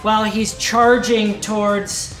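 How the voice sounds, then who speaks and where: Woman game master, commanding and brisk, narrating tabletop combat; echoey space, music clearly behind. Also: medium pitch, little pitch movement. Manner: brisk, commanding calls of rules and countdowns.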